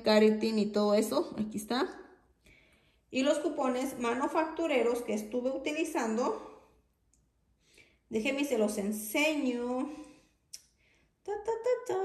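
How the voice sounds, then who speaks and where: A woman's voice: fairly high pitch, darkish tone, roomy sound. A woman vlogger chatting casually as she goes over store deals and coupons, listing prices step by step. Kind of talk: casual haul walkthrough.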